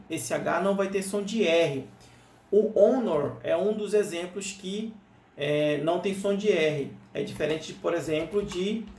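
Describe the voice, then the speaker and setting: A man's voice: on the high side, creaky, darkish tone. A Brazilian man with a Brazilian Portuguese accent teaches an English lesson, explaining patiently and asking "né?" often. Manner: explains patiently, full of "né?" and repeats. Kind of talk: screen-share lesson walkthrough. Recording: roomy, slightly distant mic, faint noise.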